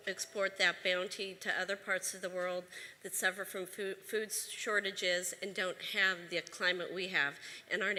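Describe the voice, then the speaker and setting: A woman with a bright, mid-pitched voice delivers a prepared speech at a conference. Her delivery is steady and earnest, with a few restarts along the way. The sound carries a long reverberant tail from the hall. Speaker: state agriculture official giving a talk.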